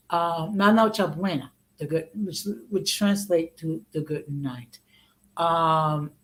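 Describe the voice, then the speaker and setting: A high-voiced man in his sixties from the United States hosts a casual live-stream talk, keeping it conversational and checking in with "okay?" often. The recording quality is low.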